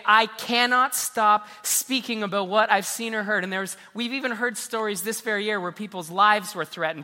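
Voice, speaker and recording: A man's voice: high voice, sharp tone. A man, a pastor, speaking earnestly from a church stage, often repeating words as he starts a phrase. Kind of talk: church stage talk and interview. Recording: reverberant church hall.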